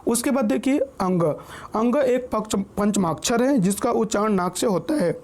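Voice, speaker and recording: Gravelly-voiced man teaching a patient lesson. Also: sits high, normal speed, a little mellow. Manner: patient, explains step by step and reads out lists of example words; checks in often with the listener. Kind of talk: exam-prep grammar lesson.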